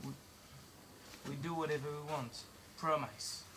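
A man's voice: fairly high pitch, measured pace, background noise, natural voice. A man playing a defiant runaway teenage boy who is rowing, bossy, insistent and mocking. He performs on an outdoor garden stage. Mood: bickering.

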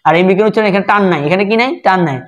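A woman's voice: medium pitch, lo-fi sound. Woman teaching pronunciation. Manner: repeats words slowly for drilling, explains step by step. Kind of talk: online pronunciation lesson.

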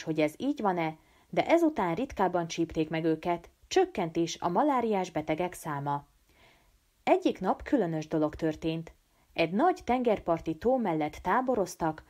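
A woman reading a novel aloud as an audiobook, with an animated, expressive delivery. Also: on the low side. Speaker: audiobook reader. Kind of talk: storybook narration.

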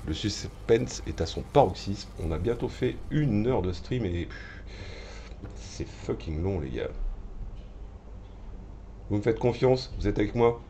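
A man's voice: lowish voice, lively intonation, normal speed, mellow, a little hiss or hum. A man streaming a horror game, commentating live, swearing and taunting the enemy with mock drama.

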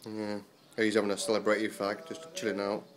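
A man's voice: fairly low pitch, completely flat delivery, quick pace. A young man filming a holiday vlog with friends, rambling and joking with plenty of swearing. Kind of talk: casual chat to camera. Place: holiday resort outdoors, later a car. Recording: noisy outdoor camera audio.

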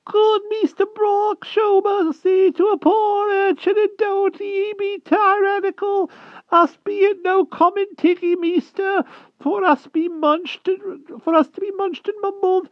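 A man's voice: very high voice, little pitch movement, measured pace, no room sound, lo-fi sound, voice pushed up. A man voicing a small frightened male hedgehog who squeals and begs for mercy in a rustic country dialect. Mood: pleading.

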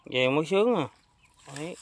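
A vlogger with a southern Vietnamese accent films shrimp and snail catching on a muddy pond bank outdoors, chatting casually from behind a handheld phone and often repeating short phrases. His voice is on the high side, brisk, with lively intonation.

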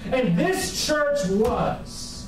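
A man in his forties preaching a sermon to a congregation, with folksy, humorous and animated storytelling. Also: very high voice, drawn-out words. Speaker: pastor. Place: church sanctuary with a congregation. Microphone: far camera at the back of the room. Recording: very echoey church hall from far off.

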